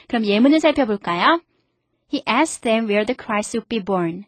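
A woman presenting a radio English lesson, explaining grammar in a friendly tone and slowing down to read example sentences aloud. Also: on the high side, no room sound. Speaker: English teacher on a radio program. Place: radio studio. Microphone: studio microphone.

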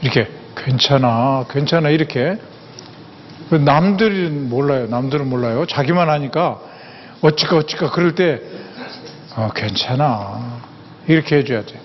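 Older man, folksy lecturer, high voice, long echo of a hall. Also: normal speed. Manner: folksy, anecdotal, repeats words for emphasis. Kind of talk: humorous lecture to an audience. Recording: echoey hall, dull sound, faint ambience.

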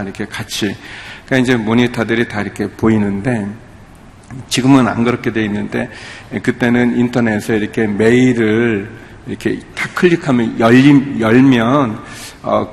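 Male pastor, gravelly, halting conversational sermon, reverberant hall. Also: mid-range voice, slight background noise. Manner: conversational, halting with many fillers. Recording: echoey hall.

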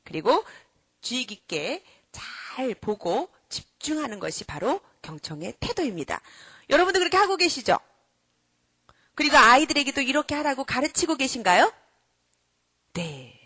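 A middle-aged woman giving a lively lecture to an audience. She quizzes her listeners and acts out children and parents as she goes. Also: high-pitched, moderate pace, breathy edge, no room sound. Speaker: character-education lecturer.

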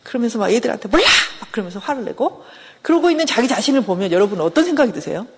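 A middle-aged woman lectures on counseling theory in a husky, slightly breathy voice, her pitch rising and falling in a lively way. She talks to the class conversationally and keeps asking them questions. The sound carries a long reverb from a lecture hall. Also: very fast. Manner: conversational, asks the audience questions often.

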